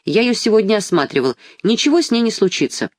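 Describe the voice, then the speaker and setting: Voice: medium pitch, sing-song, quick pace, dry recording, studio quality, pitched above the performer's own voice, natural voice. A reader doing a pushy crooked doctor. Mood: stern. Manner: curt, commanding.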